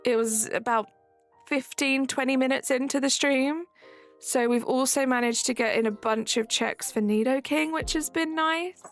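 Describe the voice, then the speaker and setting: Playing a game on a live stream, this young woman chats casually and keeps up with her viewers by reading and replying to chat. Her high voice moves at a moderate pace, with faint music in the background.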